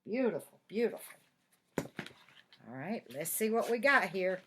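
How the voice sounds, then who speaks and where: In an office with slight background noise, a grandmotherly woman aged sixty or more reads a picture book to children. She speaks a little slowly in a mid-range voice, expressive and chatty, repeatedly offering admiring words.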